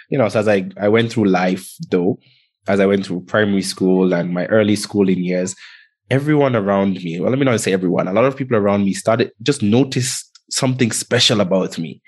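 With a lowish, slightly mellow voice, a young man from Antigua looks back on his life as a guest on a podcast. It's casual interview storytelling, reflective in tone and punctuated by frequent chuckles.

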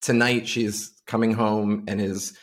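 A middle-aged tech entrepreneur from Long Island, in the United States, chats as a guest on a podcast in a lowish voice. He talks a little slowly with little pitch movement, telling informal stories in a casual interview.

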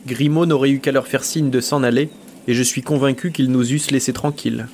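A courteous, unflappable musketeer with an easy, mocking politeness, voiced by a man reading a novel aloud. The voice sits a little higher and louder than plain narration. He sounds calm and amused, even under fire. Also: brisk, slight background noise, close to an everyday voice. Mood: nonchalant.

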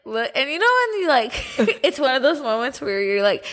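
A young woman co-hosting a casual chat podcast. Her voice sits high and swings widely as she tells a story. She laughs through it and keeps the energy up. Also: animated, a little fast, a bit bright. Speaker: podcast co-host.

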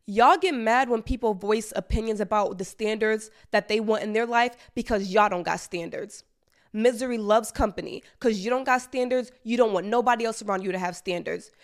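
A woman giving an opinionated monologue, emphatic and repeating lines for emphasis, in casual slang, speaking with a retainer in. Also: a little high. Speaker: commentator.

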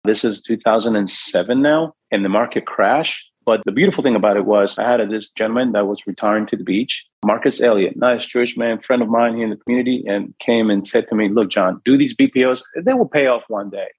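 Speaking quickly with hardly a pause, this husky, low-voiced guest recounts his life with real emotion. He's a middle-aged real estate investor from New York who earnestly plays out his inner voice, and the audio is dull though free of echo.

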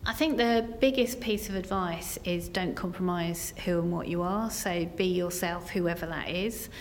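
Woman, slightly low pitch, earnest interview guest, conversational, some rumbly background noise. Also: normal speed. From Essex, England. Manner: earnest, often says "you know" and "kind of". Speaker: interview guest, senior business executive.

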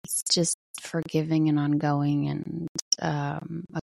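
A middle-aged woman with a low morning voice, talking casually and reflectively in a personal solo check-in as a podcast host. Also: little pitch movement, takes it slowly, gravelly, dark tone, no echo. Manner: reflective, conversational.

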